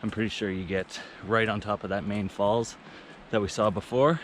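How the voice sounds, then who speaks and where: A man's voice: fairly low pitch, fairly even intonation. A man talking casually to camera as a travel vlogger, out of breath while climbing a mountain trail, chatty and self-mocking. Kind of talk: casual vlog talk to camera. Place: outdoors on a mountain trail near a waterfall. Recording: loud rushing waterfall noise outdoors.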